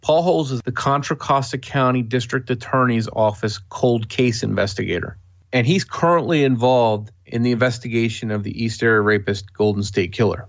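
A man reads a true-crime script steadily and matter-of-factly, with a middle-range voice. The audio sounds slightly dull and muffled, as if the high end has been rolled off. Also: moderate pace. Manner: steady, matter-of-fact reading. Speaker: podcast co-host.

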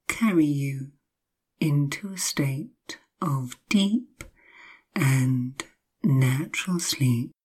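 A woman narrating a guided sleep hypnosis like a sleep story, hushed and soothing, often slipping into whispers, with drawn-out, repeated phrases. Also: low-pitched, slightly rough. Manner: drawn-out, repetitive phrasing with long pauses.

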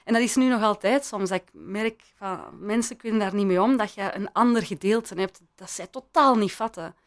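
A woman's voice: mid-range voice, normal speed. A woman speaking as an interview guest, thoughtful and hesitant, with frequent restarts and laughs. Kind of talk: reflective interview talk. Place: in Belgium.

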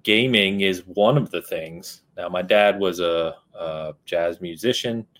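A man with a deep, low voice in a casual chat. He comes across as measured and agreeable. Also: fairly bright tone.

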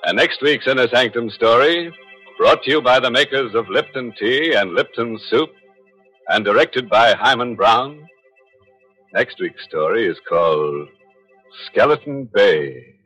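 An actor playing a sardonic, ghoulish horror show host in the theatrical style of an old radio announcer, full of macabre wisecracks. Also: male voice, lowish voice, fairly bright tone. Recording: muffled old radio broadcast, background music.

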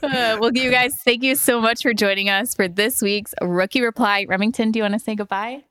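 A woman co-hosts a podcast in a relaxed, chatty way, often breaking into laughter and leaning on fillers. Her voice is bright and forward, and it sounds dry and close with little room sound. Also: fairly high pitch, fairly quick, no room sound. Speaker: podcast co-host. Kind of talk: casual podcast chat.

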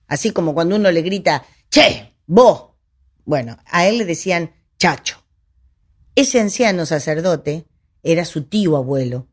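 A woman giving an informal history talk, conversational and digressive, with restarts and asides. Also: sits low. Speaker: history presenter.

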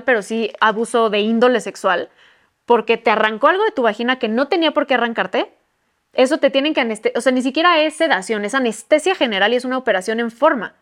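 A woman in her twenties with a Mexican accent, telling a personal story on a podcast in candid, slangy speech. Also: on the high side. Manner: candid, slangy, swears freely, acts out quotes. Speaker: podcast guest. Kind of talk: casual storytelling.

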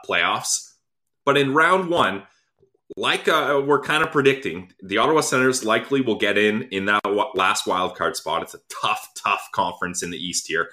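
A man's voice: medium pitch, pushed and bright. A man co-hosting a casual sports podcast, making bold, playful predictions and laughing along. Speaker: podcast co-host.

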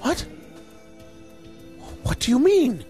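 A man playing a miserly, bullying radio station boss in an audio drama, haughty, fussy and sharp in manner. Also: very high voice, big pitch swings, takes it slowly, faint music behind, full character voice. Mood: startled, flustered.

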